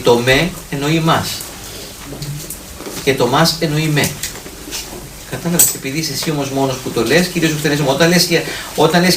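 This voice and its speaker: A fairly high-voiced priest talks through questions from his listeners in a relaxed, gently teasing manner, slowly repeating prayer phrases. He sounds distant from the microphone in an echoey room, with a faint hiss underneath. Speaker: Orthodox priest. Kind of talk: question-and-answer talk. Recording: echoey room, far from mic, faint noise.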